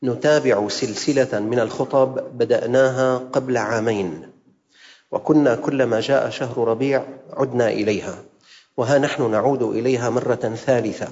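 A male preacher delivers a Friday sermon in a mosque, in a voice of middle pitch. His measured delivery slows for recited verses and builds through repeated rhetorical phrases. The sound is dull and carries a long hall reverb. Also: steady tone, darkish tone. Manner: rhetorical repetition and questions.

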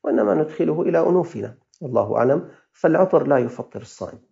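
A man's voice: on the high side, expressive, racing, creaky, warm tone, dull audio. A man with a Levantine Arabic accent, a religious scholar answering listeners' questions with earnest, fatherly advice.

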